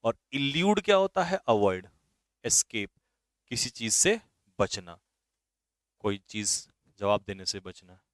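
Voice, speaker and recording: A man's voice: lowish voice, big pitch swings, slow pace, long pauses, dry recording. A man teaching English vocabulary for an exam, often checking whether his students have understood. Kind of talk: exam vocabulary lesson in Hindi.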